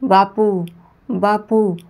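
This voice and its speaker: A woman's voice: lowish voice, level tone, takes it slowly, mellow. A woman voicing a stooped old village grandmother who scolds shrilly and makes demands. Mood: urgent.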